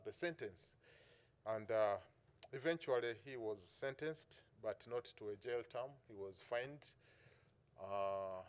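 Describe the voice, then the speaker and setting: A middle-aged prosecutions director with a Ugandan accent speaks on a symposium panel, relating an anecdote from his office in a measured way. He uses many "uh" fillers and restarts, and his voice sits on the low side.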